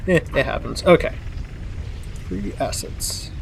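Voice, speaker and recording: A man's voice: medium pitch, animated, unhurried, creaky, slight background noise. Easygoing man as game master. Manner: laughing, easygoing, distracted by tech. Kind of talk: running a live-streamed tabletop game.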